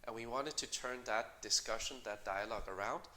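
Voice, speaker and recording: A middle-aged man, a company co-founder, answering interview questions in a measured way with many fillers and restarts. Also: medium pitch, bright, forceful tone. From Denmark.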